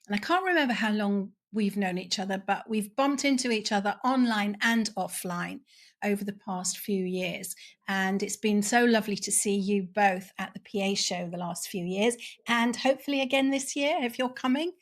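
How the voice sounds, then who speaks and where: A woman's voice: medium pitch, normal speed. A woman hosting a podcast interview, chatty and enthusiastic, with a self-deprecating humour. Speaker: podcast host.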